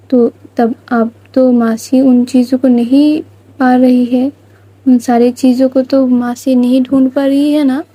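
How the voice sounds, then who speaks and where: A woman playing a patient young mother in a spoken love story who coaxes her child softly. Her voice is husky and dark, her pace unhurried, and the sound is dry and close. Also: on the high side, no room sound, rough recording. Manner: soft, coaxing, patient. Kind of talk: storybook narration with voiced lines.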